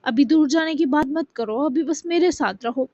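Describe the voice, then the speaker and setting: Doting, playful grown-man love interest, read by a woman in a storybook reading, somewhat high, dull lo-fi sound. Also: darkish tone, no room sound. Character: affectionate teasing grown man, a romantic lead.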